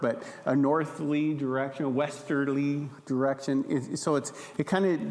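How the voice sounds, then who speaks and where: A male pastor delivers a sermon in a fairly high voice at an unhurried pace. He teaches conversationally and often checks in with his listeners. The sound has a long, reverberant church-hall tail. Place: church sanctuary.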